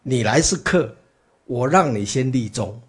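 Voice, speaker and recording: A man voicing a calm, patient Buddha who answers in measured, unhurried replies, with a husky voice. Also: medium pitch. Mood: gracious.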